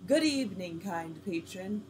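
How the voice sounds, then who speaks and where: A woman reading the lines of a bored male half-orc doorman, talking in a dull, flat patter. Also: mid-range voice, a little slow, noisy background, close to an everyday voice.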